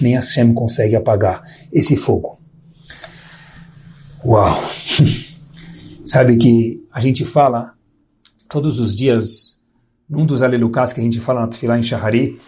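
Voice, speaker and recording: A man with a Brazilian Portuguese accent gives a sermon as a religious teacher, telling a story and swinging his voice high and low, slowing down for emphasis. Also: mellow, husky.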